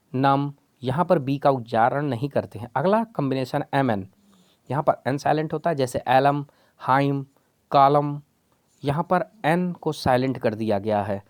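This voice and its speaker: A man's voice: mid-range voice, darkish tone, no echo. A man teaching spelling rules patiently, step by step, calling his viewers friends. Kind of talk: explaining a lesson in Hindi.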